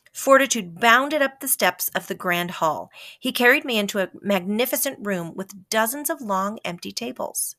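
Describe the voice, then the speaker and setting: A woman with a mid-range voice reads a children's story aloud from a script. As a storybook reader, she gives a dramatic, expressive performance, shifting her delivery for effect.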